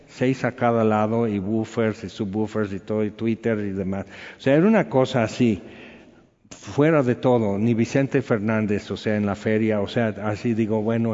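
A man, an evangelist telling his personal testimony in a rambling, animated way with many fillers. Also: mid-range voice. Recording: lo-fi with long hall reverb.

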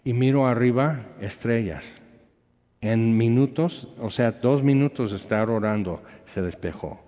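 A man, an evangelist telling his personal testimony in a rambling, animated way with many fillers. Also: medium pitch, measured pace. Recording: lo-fi with long hall reverb.

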